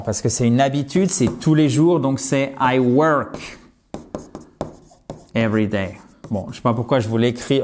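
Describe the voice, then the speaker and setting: A man teaching a language lesson online, talking straight to his viewers in a lively, emphatic way. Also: mid-range voice. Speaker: English teacher.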